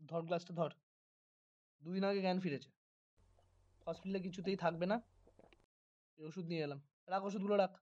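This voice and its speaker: A woman's voice: lowish voice, steady tone, moderate pace, pauses often, mellow, lo-fi sound, lightly acted. A woman playing a worried mother explaining her daughter's care.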